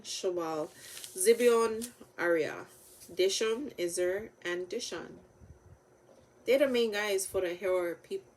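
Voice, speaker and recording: A woman with a Hawaiian Pidgin accent reading Bible stories aloud, halting a little over the names. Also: on the low side, darkish tone, low-quality recording. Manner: halting over names, with stumbles and self-corrections.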